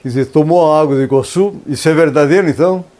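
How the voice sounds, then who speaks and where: A man's voice: fairly high pitch, quick pace, darkish tone. A man hosting a radio interview in a studio, speaking in a formal, ceremonious way and praising his guest in flowery terms. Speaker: radio interview host, professor.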